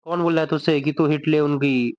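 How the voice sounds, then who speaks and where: A man's voice: fairly high pitch, fairly even intonation, brisk, darkish tone, no echo, natural voice. A man voicing a fierce woman martial arts trainer who commands and scolds, within a manga recap. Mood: scolding. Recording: dull dry recording.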